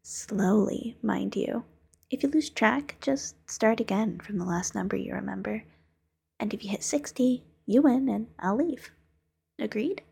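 A playful female demon who loves to hypnotize, voiced by a woman speaks in a breathy, whispery hush. Her slow, unhurried delivery has a gravelly fry and a mellow tone, soft-spoken and coaxing in an ASMR roleplay. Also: medium pitch, full character voice.

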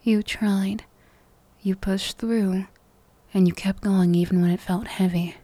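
A woman whispering in a soft, affectionate, soothing manner in a comfort roleplay. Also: mid-range voice, fairly even intonation, slow, no room sound. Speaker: ASMR roleplay performer.

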